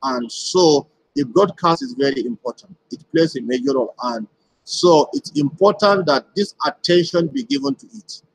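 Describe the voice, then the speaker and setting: A man's voice: on the high side, expressive, moderate pace, creaky, background noise. A man giving a live broadcast to his community, explaining things step by step and often asking "why?" before answering it himself. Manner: repetitive rhetorical questions answered at once.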